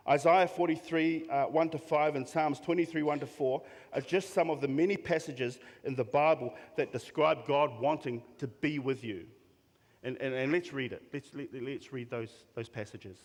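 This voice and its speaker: A male pastor preaching a sermon in an earnest way, with pauses and repeated phrases. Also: on the high side, long reverb tail. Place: church hall.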